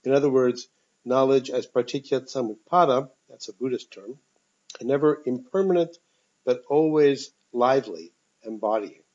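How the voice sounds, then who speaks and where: A man leads a discussion class through a speakerphone on a phone call. He is thoughtful and hesitant and fills his pauses with ums. His medium-pitched voice sounds dull and lo-fi over the line. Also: a little mellow. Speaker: teacher. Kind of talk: leading a text discussion class.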